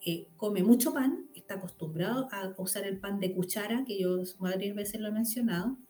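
Woman, mellow voice, animated explainer, echoey room, faint music. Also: medium pitch, moderate pace. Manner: explanatory, animated, acts out quotes. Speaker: host. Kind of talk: casual chat about diet. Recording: roomy echo.

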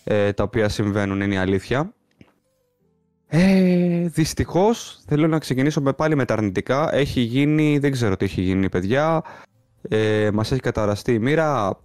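A man's voice: mid-range voice, expressive, darkish tone, dry recording, clean studio sound, soft background music. A man with a mainland Greek accent hosting a podcast in casual chat. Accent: Greek, from Greece. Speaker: podcast host.

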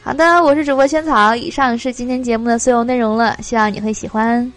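Woman podcast host, higher voice, chatty joke reader, faint music bed. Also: steady tone, quick pace. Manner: chatty, laughing between jokes. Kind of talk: reading jokes aloud.

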